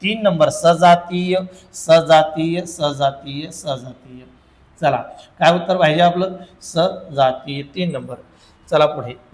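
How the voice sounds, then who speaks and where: A man's voice: a little high, slow, echoey room, poor audio. Man drilling a grammar lesson. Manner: drilling, repeats answers in chant-like lists. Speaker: teacher. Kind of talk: exam-prep grammar lesson.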